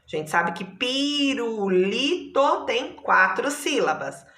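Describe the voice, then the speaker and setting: A woman's voice: medium pitch, animated, a little slow, sharp tone, roomy sound. A woman teacher with a Brazilian Portuguese accent, patiently spelling words out syllable by syllable for her class. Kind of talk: online class lesson.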